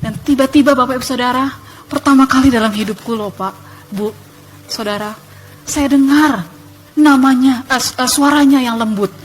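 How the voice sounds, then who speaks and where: A young woman telling her testimony in church, animated and emphatic, addressing the congregation. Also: high voice, moderate pace.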